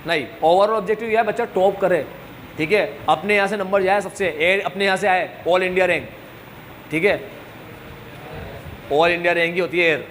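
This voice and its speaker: A man with a high-pitched voice gives a classroom lecture to students, slipping English terms into his talk. He teases and scolds them as he explains. Faint noise hums behind him. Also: normal speed, pauses often, fairly bright tone. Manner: scolding, joking, mixes English into Hindi. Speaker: commerce teacher.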